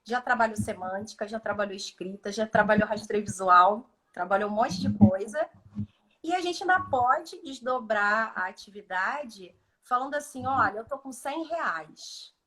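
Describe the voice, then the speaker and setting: A woman's voice: medium pitch, moderate pace, bright, forceful tone. A woman speech therapist explaining cognitive activities in a live video call, often acting out short dialogues with patients.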